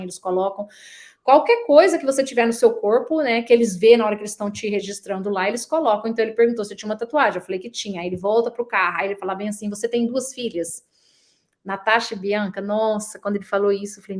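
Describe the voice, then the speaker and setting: A middle-aged woman from Brazil, a guest in a casual interview, telling a story in an animated way and acting out the dialogue. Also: medium pitch. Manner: animated, acts out quoted dialogue.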